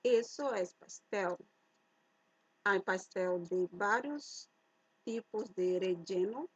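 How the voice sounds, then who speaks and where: Slow woman teaching vocabulary, dull recording. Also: mid-range voice, breathy edge, no echo. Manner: slow, deliberate explanation that slips Spanish words into Portuguese; stresses each key word loudly, then explains it. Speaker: language teacher. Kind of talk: language lesson for Spanish speakers.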